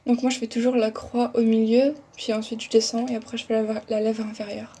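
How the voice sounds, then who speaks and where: A young makeup vlogger chats casually through a tutorial, talking as she works and poking fun at herself. Her slightly high, mellow voice is a bit rough, with a flat delivery and a fairly quick pace.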